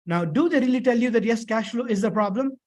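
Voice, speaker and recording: A man's voice: extremely high pitch, fast talker, darkish tone. A man lecturing in a conversational, explanatory way with frequent check-in questions, his voice thick and strained from a sore throat. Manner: conversational, repetitive, checks understanding with short tag questions. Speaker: instructor teaching an online or classroom course.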